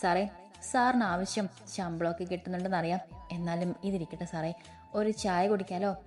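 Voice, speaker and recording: A woman voicing a young woman who puts on a lower man's voice and speaks humbly to police. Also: normal speed, a little mellow, faint music behind, lightly acted. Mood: deferential. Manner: humble, pleading.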